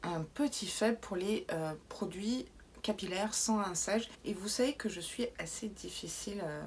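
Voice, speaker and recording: Woman, young adult, beauty vlogger, chatty and wry, whispered asides, middle pitch, faint background noise. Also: moderate pace. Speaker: beauty box unboxing vlogger. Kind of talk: casual unboxing commentary.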